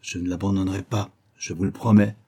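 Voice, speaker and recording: A commanding young colonel speaks in short, clipped orders, read by a man narrating the book. His voice is dark and a little husky, and it sits low. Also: little pitch movement, a little fast, full character voice. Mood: earnest. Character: young wealthy male colonel, curt and commanding.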